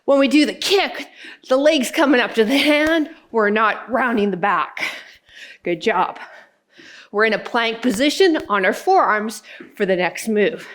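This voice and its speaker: A woman with a fairly high voice leads an exercise session as the instructor. She counts out the workout moves and gives short cues, encouraging people as she goes. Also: expressive, measured pace. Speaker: fitness instructor.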